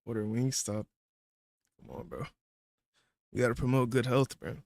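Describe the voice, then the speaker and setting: Casual male streamer, easygoing slang, medium pitch, dry recording. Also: moderate pace, gravelly, darkish tone, no echo. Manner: laid-back slang, eating while talking. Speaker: livestream guest. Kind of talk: casual livestream chat.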